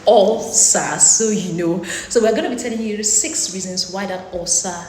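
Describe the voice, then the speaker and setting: A woman's voice: medium pitch, moderate pace, a little mellow. Young woman nurse, playful presenter, long echo of a big room. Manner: chatty, teasing presenter. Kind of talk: casual health explainer. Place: lecture room. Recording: echoey lecture hall with faint noise.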